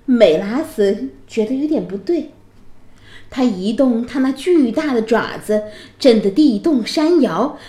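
Brief: woman narrator for a children's story, gentle and expressive, mellow tone, roomy echo. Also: fairly high pitch.

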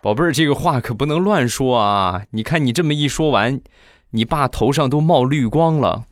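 A man's voice: medium pitch, moderate pace, slight background noise. A man hosting a comedy show and telling funny anecdotes in a chatty, playful way, talking straight to his listeners.

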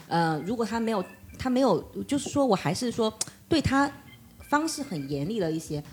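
一位三十多岁的女人在播客中闲聊，讲自己带孩子的经历，常模仿别人说话的语气。. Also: female voice, mid-range voice, a little hiss or hum. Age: 30s. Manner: animated storyteller acting out quoted dialogue. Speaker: podcast guest. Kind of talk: casual chat.

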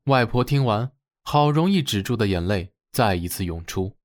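A young man narrating a first-person audio drama and voicing its lead, with expressive delivery. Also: normal speed, no room sound, studio quality. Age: young adult. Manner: expressive, swinging pitch.

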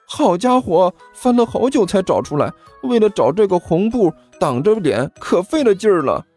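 A man's voice: high-pitched, sing-song, normal speed, darkish tone, breathy edge, faint music behind, pitched above the performer's own voice, full character voice. A man voicing a flustered young man who stammers eagerly.

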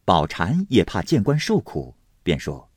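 Male narrator reading a classic novel; slow, husky, very dry close sound. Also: deep voice, dry recording. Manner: expressive storytelling, voicing each figure. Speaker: audiobook reader. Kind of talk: classical novel read aloud.

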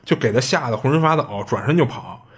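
Podcast host, male, husky voice, rapid conversational storytelling. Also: mid-range voice. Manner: chatty, animated retelling with frequent fillers. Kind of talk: casual storytelling.

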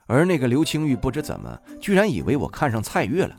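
A man narrating a novel in the first person, wry and expressive. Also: medium pitch, quick pace, gravelly, soft background music. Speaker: audiobook narrator.

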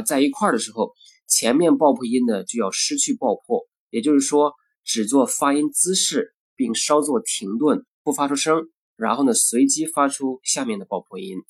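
A man teaching pronunciation in a recorded lesson, speaking deliberately and repeating example words slowly and carefully. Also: mid-range voice, animated, breathy edge.

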